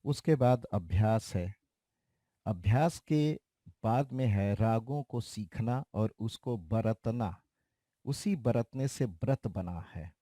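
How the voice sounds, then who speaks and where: A man giving a slow, explanatory keyboard tutorial in a casual way, talking straight to his viewers. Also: lowish voice, expressive, dark tone, dry recording, studio quality. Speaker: keyboard teacher. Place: recording studio.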